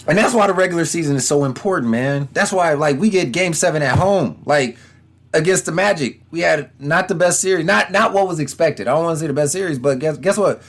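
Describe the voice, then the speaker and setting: A man's voice: fairly high pitch, brisk, slight background noise. A man in his thirties from Detroit, hosting a casual sports podcast, rambling and acting out quoted voices. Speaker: podcast host.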